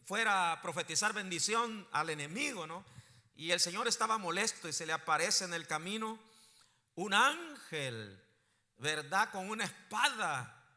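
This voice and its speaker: Male pastor, fairly high voice, church hall reverb. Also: bright, forceful tone. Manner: rising to emphatic preaching bursts, asks the congregation questions. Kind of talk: sermon.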